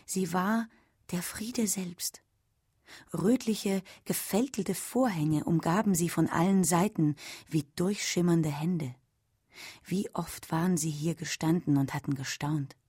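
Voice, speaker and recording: A woman reading a literary story aloud, softly and at times almost whispering. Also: fairly low pitch, slightly rough, dry recording, clean studio sound. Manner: slow, soft, sometimes near a whisper. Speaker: reader.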